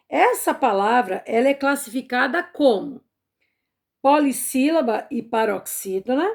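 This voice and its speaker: Brazilian lady teacher, high voice w/ a gravelly edge, patient, checks in w/ the kids a lot. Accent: Brazilian Portuguese. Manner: patient, explains step by step with frequent "tá?" checks. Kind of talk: remote Portuguese lesson for children.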